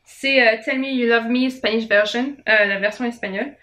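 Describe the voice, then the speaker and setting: A woman's voice: on the high side, steady tone, moderate pace, fairly bright tone. A young woman with a French accent, chatting casually in a vlog, hesitant with many fillers and self-corrections and a self-mocking humor. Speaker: vlogger. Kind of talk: casual vlog, reading aloud and singing.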